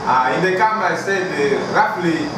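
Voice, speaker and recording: A young athlete from northern Uganda, with a northern Ugandan accent, haltingly recalls his life in interview answers, often repeating phrases. His voice is fairly high and animated. A camera mic a few feet away records him in a small, bare, very echoey room with clear background noise.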